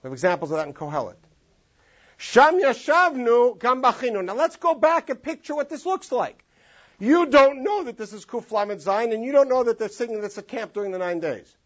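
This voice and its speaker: Animated man teaching with lively high voice. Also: fairly quick. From Los Angeles. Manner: animated, sings out phrases in long drawn tones. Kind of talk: classroom text study lecture. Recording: dull lo-fi classroom recording.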